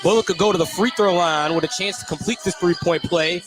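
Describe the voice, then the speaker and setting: With music in the background, a high-pitched man describes a live basketball game for radio, a little fast and in clipped, running phrases. The indoor gym broadcast carries a lot of noise.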